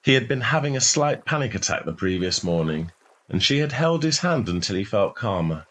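The narrator of this short story is a man with a low voice who delivers literary fiction in a deliberate, scripted manner. Expressive phrasing runs through the whole reading.

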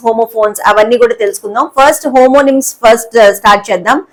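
A woman teaching an English lesson in Telugu, explaining words and repeating key terms slowly. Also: high-pitched, poor audio.

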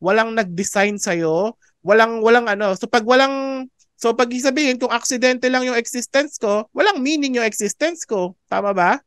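Theology teacher, online class; conversational, code-switching, checks in with students a lot; smooth voice, dry close sound. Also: medium pitch, moderate pace, a bit bright, no echo. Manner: chatty, mixes English into Tagalog, asks "di ba?" often; laughs often between points. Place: online class over a video call. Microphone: video call microphone.

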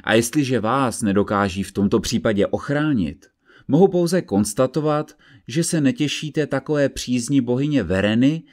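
A man's voice: medium pitch, animated, darkish tone, voice pushed up, lightly acted. A man voicing a pompous, irritable wizard who speaks in an indignant, haughty way in an audiobook reading. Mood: offended.

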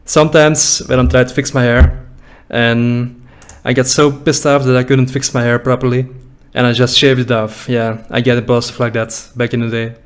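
A young man with a Dutch-speaking Belgian accent, a YouTuber, reacts to his old videos in a small room, joking, laughing and loosely profane. His mid-range voice is smooth and flat, at a normal speed with few pauses. He speaks into a desk boom mic while wearing headphones.

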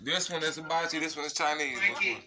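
A man, a father hosting a casual family food vlog, asking relaxed questions. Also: on the high side, quick pace, over a noisy crowd.

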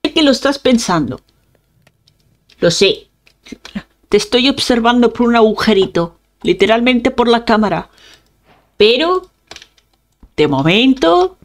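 A young woman hosting a gaming channel, chatting casually to her viewers as she plays and humming little sound effects. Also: mid-range voice. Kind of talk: casual gameplay commentary.

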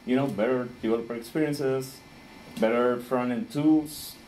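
A man in his thirties from Rica, speaking English, giving a friendly conference talk with frequent small laughs and pauses while he searches for words. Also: mid-range voice, fairly even intonation, a little mellow, a little hiss or hum, poor audio. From Costa Rica.

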